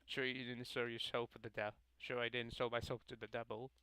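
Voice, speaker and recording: A man's voice: mid-range voice, level tone, brisk, pushed and bright, smooth, dry recording, poor audio. A young man casually reading a visual novel aloud to his viewers, stumbling over lines and joking at his own expense. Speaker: gaming video creator.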